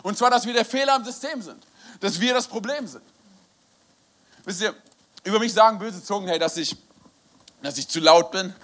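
A young man preaching a lively storytelling sermon, animated and laughing often, often dropping in "hey". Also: high-pitched, normal speed, pauses often. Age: young adult.

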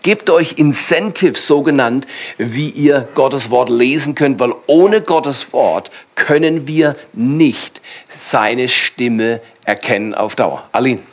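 A male pastor guiding a church panel in an even, mid-pitched voice. He speaks calmly and encouragingly, turning the discussion into sermon-style exhortation for the congregation. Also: slow pace.

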